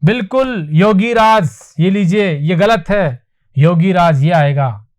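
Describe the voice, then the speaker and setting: Male teacher, high voice, lecturing at a board; drills each word, asks and answers his own questions. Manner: repeats words slowly for emphasis, asks and answers himself. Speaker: Hindi teacher. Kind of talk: classroom lecture on spelling. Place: classroom with whiteboard.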